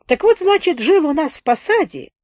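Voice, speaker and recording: A woman voicing a thin-bearded wounded soldier with a high boyish voice, telling a folksy tale in a slow, plain manner. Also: big pitch swings, a little mellow, no echo. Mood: storytelling. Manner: unhurried folksy village speech.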